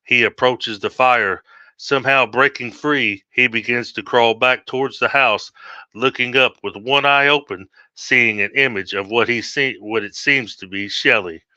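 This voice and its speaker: Man narrating a horror story, steady delivery, muffled lo-fi sound, dry room. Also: medium pitch, unhurried, dry recording. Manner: steady reading with small slips. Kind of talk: reading his own horror story.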